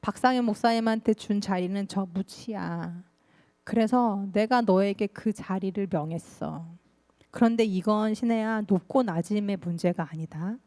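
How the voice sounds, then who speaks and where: A woman preacher voicing God, who speaks slowly and tenderly to reassure her. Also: medium pitch, dark tone, no room sound, natural voice. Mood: gentle. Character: God, a gentle fatherly voice.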